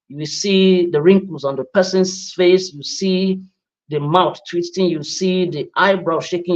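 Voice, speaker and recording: A man, answering trainees' questions as a media trainer, halting and repeating words. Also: fairly high pitch, highs cut off.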